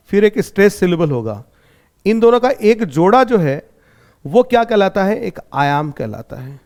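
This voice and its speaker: An Indian man teaching literature for an exam, asking questions and answering them himself, repeating key points slowly in simple words. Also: high voice, darkish tone. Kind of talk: exam-prep literature lecture.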